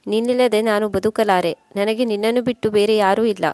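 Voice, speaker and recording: A woman's voice: mid-range voice, fairly even intonation, a little fast, a little mellow, dry recording, lightly acted. A woman voicing a lonely, aging widowed mother who pleads with her son in tearful appeals. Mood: pleading.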